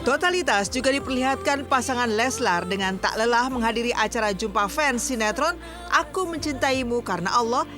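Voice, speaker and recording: High-pitched female infotainment narrator over music. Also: a little fast. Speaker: entertainment news narrator. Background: loud music bed.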